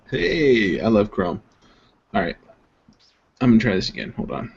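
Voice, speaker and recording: This adult father of two co-hosts a laid-back web show, joking, rambling and leaning heavily on fillers. His medium-pitched voice is darkish with a breathy edge, coming across muffled over a video call.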